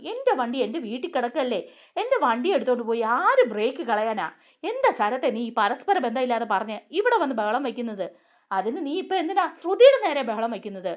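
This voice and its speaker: A stern man from a TV serial scolds and demands answers, voiced by a woman retelling the episode. The voice is high and lively in its pitch swings. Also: a little fast. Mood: scolding. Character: stern older brother figure, scolding.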